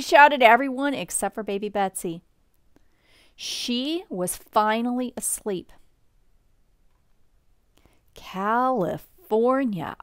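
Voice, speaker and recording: A woman reading a children's storybook aloud at bedtime, with expressive shifts for the quoted lines. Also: mid-range voice, no room sound, clean studio sound. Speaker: storybook reader.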